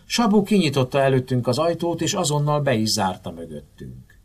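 Expressive male narrator for a first-person mystery audiobook; husky voice, animated and theatrical delivery. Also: medium pitch. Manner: expressive, dramatic storytelling.

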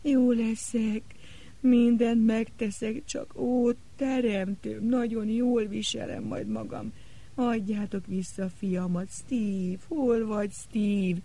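A man's voice: sits high, fairly even intonation, mellow, pitched above the performer's own voice. A man voicing a distraught young woman who whimpers and pleads in a broken voice. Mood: sobbing plea.

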